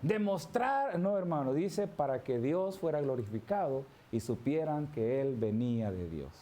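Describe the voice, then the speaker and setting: Man, pastor, Bible study sermon, high voice, calls listeners brother. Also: lively intonation, measured pace, warm tone. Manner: addresses listeners as "hermano" constantly; preaching, reading scripture aloud and commenting. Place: church.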